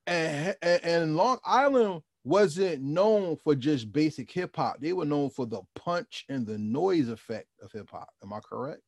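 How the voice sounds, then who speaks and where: A podcast host with a fairly high, expressive voice asks interview questions and muses on the history of the music in a reflective, lecturing way, restarting often. He speaks unhurriedly with hardly any pauses. The studio sound is clean, with no room sound.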